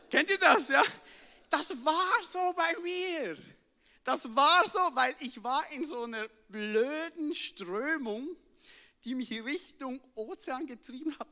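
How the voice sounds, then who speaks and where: Young man, high bright voice, lively stage storyteller, hall reverb. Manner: animated, tags sentences with a questioning "oder?". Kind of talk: live personal storytelling to an audience.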